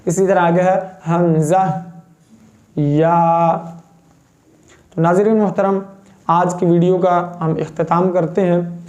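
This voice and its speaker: A man teaching Quran pronunciation, patiently demonstrating each letter sound slowly. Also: sits high, steady tone, a little mellow, dull audio. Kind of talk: step-by-step pronunciation lesson.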